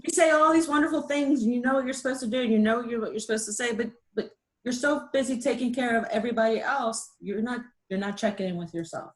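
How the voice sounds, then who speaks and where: A middle-aged woman giving a casual, chatty webinar presentation over a video call, animated and self-deprecating. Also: fairly high pitch, quick pace.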